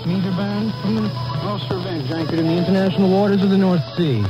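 A man reading a formal station announcement in a measured way, heard over a fading shortwave radio signal. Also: sits high, steady tone, over loud music. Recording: dull lo-fi shortwave broadcast.

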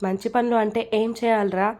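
A woman's voice: on the high side, fairly even intonation, moderate pace, a little mellow, close to an everyday voice. A woman doing a scolding, worried mother. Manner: scolding, insistent. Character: worried middle-aged mother, pleading and scolding.

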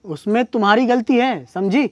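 In a scripted comedy sketch, a man plays a husband trading dry, sarcastic quips with his wife before building into exasperated rants. His voice is very high-pitched at a moderate pace, captured in a dry, lo-fi recording.

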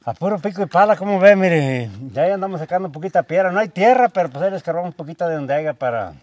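A man's voice: sits high, expressive, quick pace, darkish tone, no room sound. A man with a Mexican Spanish accent, a rural laborer speaking outdoors in a plain-spoken, rambling way in a casual interview. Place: outdoors at a small dam.

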